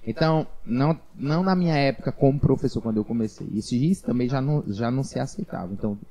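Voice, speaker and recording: Mellow-voiced teacher reminiscing. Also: male voice, medium pitch, poor audio. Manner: reflective, rambling with restarts. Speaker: dance teacher. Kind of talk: casual interview chat.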